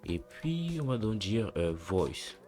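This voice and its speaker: Young man, coding tutorial host, low voice, casual and slangy, self-correcting, faint background music. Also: slow. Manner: relaxed and slangy, talks through steps aloud and corrects himself.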